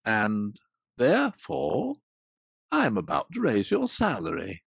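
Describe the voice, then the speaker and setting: A woman voicing a gruff old male miser turned jolly, growling and hearty. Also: very deep voice, wildly swooping pitch, slow pace, dry recording, studio quality, voice pushed down, heavily acted. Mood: mock gruff.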